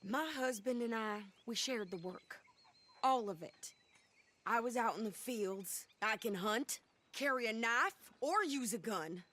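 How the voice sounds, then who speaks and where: An actress playing a tough young widow in an outlaw gang, blunt and scornful. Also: female voice, a little high, unhurried. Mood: angry. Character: tough, fiery frontier widow, young woman. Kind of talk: video game acting. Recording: loud game music underneath.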